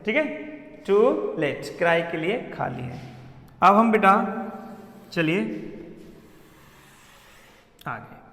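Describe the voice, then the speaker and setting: Male English teacher, Hindi accent, high voice, echoey classroom with long reverb. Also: lively intonation, takes it slowly, long pauses, pushed and bright. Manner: addresses students as beta, repeats questions to the class. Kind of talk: classroom lesson at a board.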